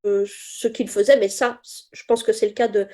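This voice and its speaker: Hesitant woman in her fifties, mellow. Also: mid-range voice, little pitch movement, normal speed. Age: 50s. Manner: hesitant, searching for words. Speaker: guest. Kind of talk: casual chat.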